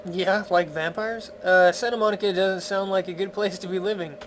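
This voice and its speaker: A man's voice: sits high, fairly even intonation, normal speed, a little hiss or hum. A man giving casual let's-play commentary in a chatty, playful, wry way. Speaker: video game commentator. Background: game music.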